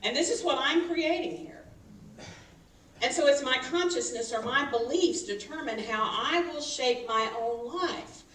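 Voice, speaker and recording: A woman in her fifties, a minister giving a sermon, animated and calling for responses from the congregation. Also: high-pitched, unhurried. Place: church sanctuary. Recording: echoey hall, mic from far off, faint noise.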